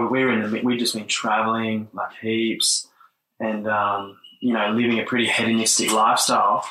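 A man's voice: mid-range voice, sharp tone, roomy sound, far from the mic, a little hiss or hum, poor audio. A man, chatting hesitantly with many fillers and restarts on a podcast. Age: 20s. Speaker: podcast guest. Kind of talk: casual chat.

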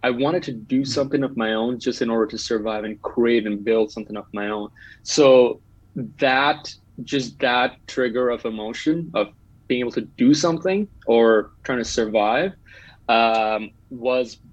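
A man's voice: medium pitch, moderate pace, no room sound, dull audio. A man, talking eagerly as a podcast guest, with lots of um and uh. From Bangladesh. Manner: upbeat, talkative, with frequent um and uh. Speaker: guest entrepreneur. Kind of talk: casual podcast chat.

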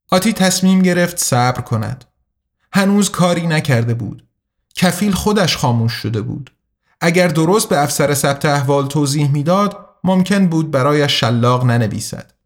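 Man with a slightly high narrating voice. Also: expressive. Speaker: audiobook narrator. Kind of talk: scripted narration.

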